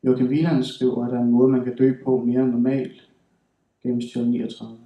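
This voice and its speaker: A man reading his own literary writing aloud in a deliberate, measured way. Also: medium pitch, monotone, dark tone, distant mic, highs cut off. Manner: measured, deliberate delivery with slow emphatic stretches. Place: reading hall at a writing school. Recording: roomy hall, voice from afar.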